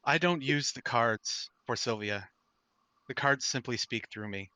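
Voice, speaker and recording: A man voicing a calm, mysterious female fortune-teller in a tabletop game, measured, cryptic and eerily calm. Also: medium pitch, dry recording. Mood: cryptic, solemn. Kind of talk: improvised tabletop role-play.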